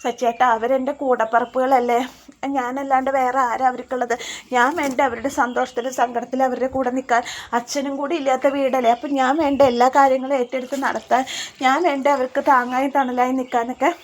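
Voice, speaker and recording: A woman's voice: high-pitched, flat delivery, fairly quick. A woman reading out a firm young wife. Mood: pleading.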